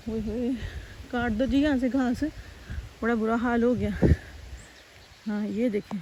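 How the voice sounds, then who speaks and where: A woman's voice: fairly high pitch, dull audio. Chatty woman vlogging on a walk. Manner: chatty, breathing hard while walking uphill. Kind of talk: casual vlog while walking. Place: outdoors in a German village. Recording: faint outdoor background noise.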